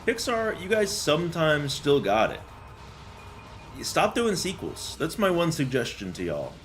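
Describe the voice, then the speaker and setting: With faint music behind him, a young man streams a game, joking and rambling through slangy commentary and viewer chat. His voice is a little high with wildly swooping pitch, and he talks a little slowly.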